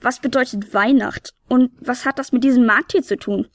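A woman's voice: a little high, normal speed, dry recording, clean studio sound, close to an everyday voice. A woman voicing a small, drowsy boy flute player who asks puzzled, curious questions. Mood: puzzled, eager.

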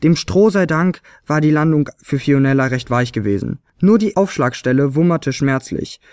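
A man narrating a children's Christmas story in a lively, expressive reading. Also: a little high, normal speed, dry recording, studio quality.

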